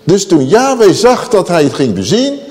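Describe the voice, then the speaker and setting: A man's voice: sits high, sing-song, moderate pace, a little mellow. A man preaching a Bible-teaching sermon who asks rhetorical questions and draws out key words for emphasis. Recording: long reverb of a large hall.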